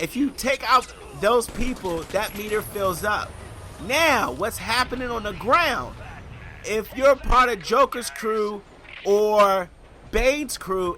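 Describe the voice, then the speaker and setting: A young man with a high, bright voice talks through a video game review in a loose, chatty way. He speaks straight to his viewers and calls them y'all. His tone stays relaxed and conversational. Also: a little hiss or hum.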